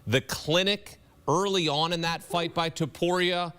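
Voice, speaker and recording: A man's voice: on the high side, fairly even intonation, unhurried, pushed and bright, smooth. A man hosting a sports recap discussion from a studio set, putting questions to his panel. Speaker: sports show host.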